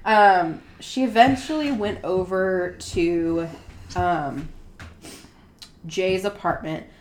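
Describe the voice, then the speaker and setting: A woman's voice: fairly low pitch, slow, slight background noise. Chatty young woman with many fillers. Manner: chatty, acts out quotes in a loud drunk voice. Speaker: podcast co-host. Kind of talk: casual true-crime chat.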